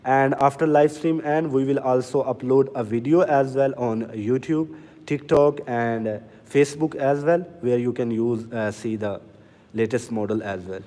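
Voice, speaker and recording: A man hosting a livestream to sell farm machinery, talking slowly and earnestly and answering viewer comments. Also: medium pitch, dark tone, long reverb tail. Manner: deliberately slow, earnest, reads out comments. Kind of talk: casual livestream talk to viewers. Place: inside a factory or showroom.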